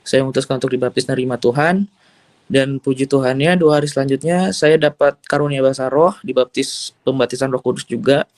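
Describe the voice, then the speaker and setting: A man's voice: mid-range voice, a little fast, darkish tone, no room sound. A man giving an emotional personal testimony as an interviewee, earnest and rambling, with lots of casual fillers and the odd English phrase. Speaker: interviewee telling his conversion story.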